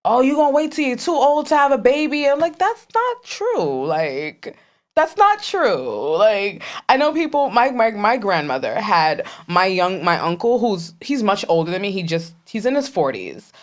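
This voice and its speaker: Animated woman in her thirties. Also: medium pitch, normal speed. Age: 30s. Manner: animated storyteller, acts out quoted voices. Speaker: podcast co-host. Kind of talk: casual podcast chat.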